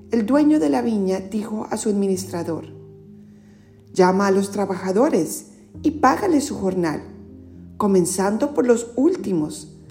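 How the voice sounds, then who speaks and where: A woman with a Latin American Spanish accent speaks like a kids show host, reading and explaining a Bible story to children in simple, expressive words with direct questions. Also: on the high side. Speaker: children's religious teacher and presenter.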